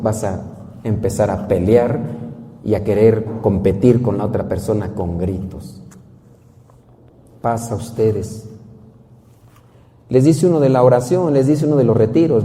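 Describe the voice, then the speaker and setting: A priest giving an animated sermon, telling stories and asking rhetorical questions. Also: male voice, mid-range voice, big-room sound.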